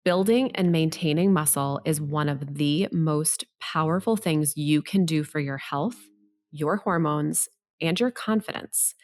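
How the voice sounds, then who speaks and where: A woman's voice: low voice, measured pace. A middle-aged woman hosting a health podcast with upbeat, tidy advice-vlogger delivery, encouraging and organized as she speaks straight to the listener.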